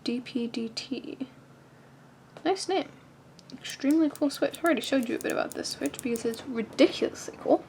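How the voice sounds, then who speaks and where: A woman's voice: high-pitched, quick pace, a little mellow, a little hiss or hum. A woman hosting a casual soldering tutorial, chatty and self-mocking, reading kit instructions aloud between jokey asides. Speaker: host.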